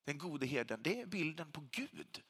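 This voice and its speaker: A pastor preaches a sermon in a bright, slightly high, a little husky voice whose pitch swings widely and animatedly. An emphatic speaker, he repeats phrases for weight, and a long hall reverb, like a church's, surrounds the sound.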